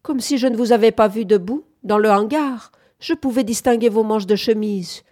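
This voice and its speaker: A woman's voice: mid-range voice, moderate pace, dark tone, voice pushed up, close to an everyday voice. A woman reading the part of a fretful young farm woman who scolds in a querulous, reproachful tone. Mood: sullen.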